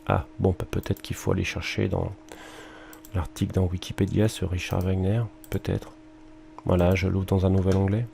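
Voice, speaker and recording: Low gravelly French male teacher. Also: flat delivery, normal speed, warm tone. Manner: thinks aloud with fillers and mild exclamations. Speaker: music teacher. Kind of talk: screen-recorded lesson walkthrough.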